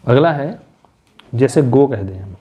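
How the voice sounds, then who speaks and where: A man's voice: medium pitch, expressive, slow pace, slightly rough, phone-quality sound. A man teaching an English lesson, explaining step by step and answering his own questions. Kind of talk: classroom lesson explaining syllable patterns.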